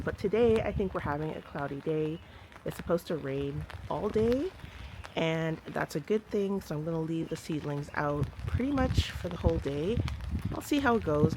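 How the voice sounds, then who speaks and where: A woman's voice: deep voice, very noisy. A woman vlogging casually about her routine, talking informally and directly to her viewers, like a gardening host. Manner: chatty, informal, addressing viewers. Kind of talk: casual vlog chat to viewers.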